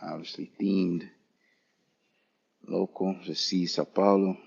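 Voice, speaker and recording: A man live-streaming a relaxed walkthrough of an airport lounge, chatting casually to viewers as he points things out. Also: low voice, creaky, lo-fi sound. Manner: casual, unhurried, talking to chat viewers. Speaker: travel vlogger.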